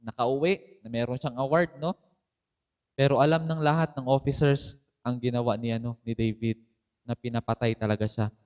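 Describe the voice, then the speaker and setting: A man's voice: medium pitch, steady tone, normal speed, darkish tone, clear, resonant tone. A man preaching a sermon as pastor, telling the story with bursts of emphasis. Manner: storytelling, mixing in English phrases, rising emphasis. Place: church.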